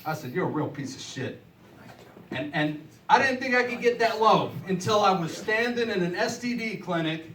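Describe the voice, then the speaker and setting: Profane male stand-up comic from New Jersey with a high voice, working a small club and caught on a distant mic. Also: a bit bright, slight background noise. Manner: crude, profane storytelling. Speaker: stand-up comedian. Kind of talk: stand-up routine. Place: small club or coffeehouse stage. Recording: echoey room, mic heard from a distance.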